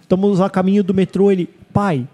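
A man's voice: high-pitched, a little fast. A man from São co-hosting a casual podcast, telling stories and acting out his son's lines. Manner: animated storyteller, acts out voices of his son. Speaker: podcast co-host.

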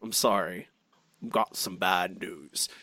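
Speaking low and taking his time, a male podcast co-host reads out listener comments. He's chatty and animated, frequently starting over and going off on asides.

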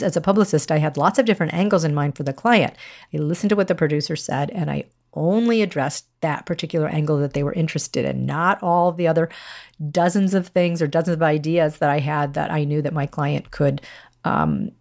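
A woman hosting a podcast as a media coach, giving instructional advice in a clear, measured way. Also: low voice, a little mellow.

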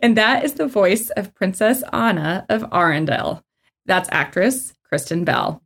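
A woman's voice: medium pitch, lively intonation, unhurried, fairly bright tone. A woman co-hosting a podcast, reading list entries aloud in a casual chat with chatty little asides. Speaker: podcast co-host.

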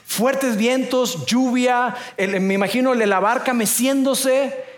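Playful preacher with a high voice. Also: male voice, echoey room. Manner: storytelling, playful, dramatic pauses. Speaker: pastor. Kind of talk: sermon.

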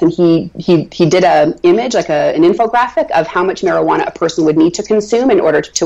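Brief: female nurse guest, low gravelly voice, chatty and loose, dull lo-fi radio sound. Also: dark tone. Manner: chatty, with many restarts. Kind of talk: casual interview talk. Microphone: radio show mic.

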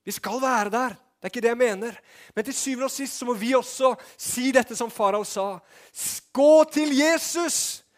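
A man preaching a sermon with fervor, often shouting and then dropping to a hush. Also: very high voice, fairly even intonation. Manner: fervent, often shouting, with swings between loud and hushed.

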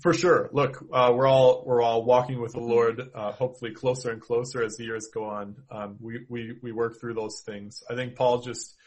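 A man with a Minnesota accent co-hosting a podcast, talking through scripture in a thoughtful, halting way with many fillers and restarts. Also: medium pitch, level tone. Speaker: podcast co-host. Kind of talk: casual theological discussion.

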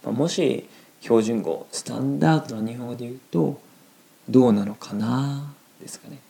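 A young man with a Kansai accent teaching Japanese phrases in a relaxed, chatty lesson, full of fillers. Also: mid-range voice, a little fast, creaky. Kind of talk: casual language lesson.

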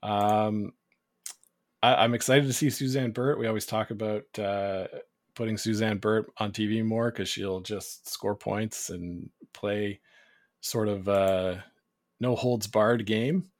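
A man with a fairly low voice chats casually as co-host of a sports show. He talks hesitantly, with pauses and filler sounds. The sound is dry, as if close to the mic. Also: fairly even intonation, no room sound. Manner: hesitant, many ums and uhs. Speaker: podcast co-host.

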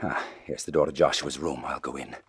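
Super low-voiced sneaky anxious guy, old 1940s radio play, theatrical, bit of noise. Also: steady tone, a little fast. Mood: brooding, resolute. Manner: theatrical talking to himself. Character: furtive, anxious man sneaking through his childhood home. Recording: noisy vintage 1940s radio recording.

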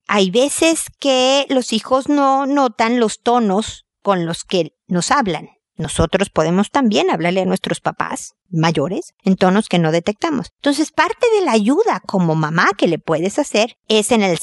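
A woman's voice: medium pitch, no echo. Chatty woman advice host, dry sound. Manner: warm conversational, acts out family dialogues. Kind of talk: answering listener letters.

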